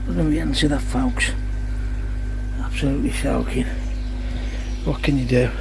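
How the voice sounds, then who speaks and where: A man's voice: mid-range voice, fairly even intonation, measured pace, vocal fry. A man rambling in an exasperated, chatty way about his pond pump, filming on a phone outdoors in heavy rain. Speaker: hobbyist koi keeper. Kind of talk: casual vlog narration. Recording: faint rain noise behind. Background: rain and outdoor ambience.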